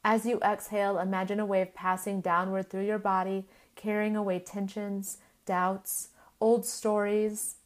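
A mid-range female voice guides a yoga nidra relaxation with a flat delivery. She soothes like a sleep story narrator, pausing at length between short, measured phrases.

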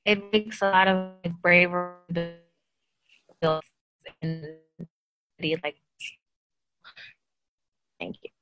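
A woman's voice: on the low side, fairly even intonation, slow, long pauses, dull audio, music in the background. A woman guest speaking earnestly over an online call whose audio keeps breaking up and dropping out. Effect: glitchy, breaking-up online call audio. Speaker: podcast guest. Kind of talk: casual conversation.

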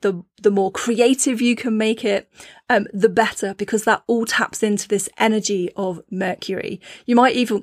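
A woman's voice: medium pitch, no room sound, clean studio sound. A woman hosting a podcast, talking casually and earnestly to encourage listeners, now and then acting out quoted voices. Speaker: podcast host; mother. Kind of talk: casual spiritual coaching talk.

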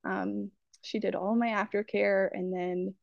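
A woman's voice: mid-range voice, level tone, measured pace, vocal fry, darkish tone, dry recording, lo-fi sound. A young woman guest on a podcast interview, recounting her birth story in a reflective, rambling way with fillers and light laughs.

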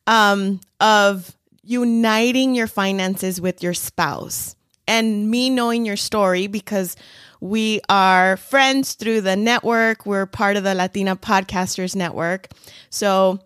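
A woman's voice: medium pitch, a bit bright, no room sound, studio quality. Friendly woman hosting a podcast. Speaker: podcast host.

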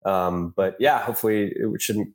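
A man's voice: on the low side, fairly even intonation, normal speed. A man with a stuffed-up nose from a cold, co-hosting a podcast with casual, informal sports analysis. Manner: informal, says dude and man. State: congested from a cold. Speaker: podcast co-host.

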